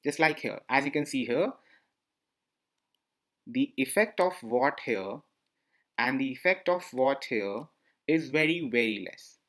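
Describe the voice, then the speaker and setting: This man teaches a lesson as voice-over on slides, his medium-pitched, fairly bright voice animated yet unhurried, with long pauses. He tends to repeat himself and keeps asking the listener questions.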